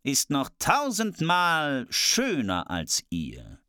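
A storyteller voicing a magic mirror in a slow, drawn-out, solemn manner. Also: medium pitch, wildly swooping pitch, sharp tone, dry recording, studio quality, pitched above the performer's own voice, full character voice.

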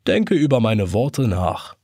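Brief: man doing a sorrowful talking hourglass for a storybook, hollow, deep and slow, a little husky. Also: lively intonation, dry recording, studio quality. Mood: stern. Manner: reproachful, slow and gentle. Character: hollow-voiced sad old male hourglass.

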